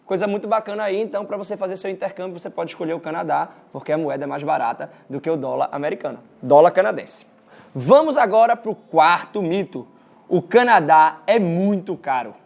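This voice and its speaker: A man with a Recife accent, presenting an informal explainer for an exchange agency and talking straight to his viewers with lively emphasis. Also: high voice, fast talker, vocal fry. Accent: Recife, Brazilian Portuguese.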